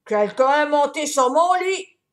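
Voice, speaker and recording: A woman voicing a stern father bear with loud, emphatic declarations. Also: high-pitched, lively intonation, a little slow, voice pushed up. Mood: indignant.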